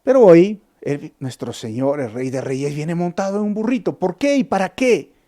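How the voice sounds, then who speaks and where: A man's voice: on the high side, animated, moderate pace, dark tone. A man with a Peruvian Spanish accent, teaching a Bible study sermon as pastor, acting out the quoted lines and putting questions to his listeners. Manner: dramatizes quotes, asks the audience questions.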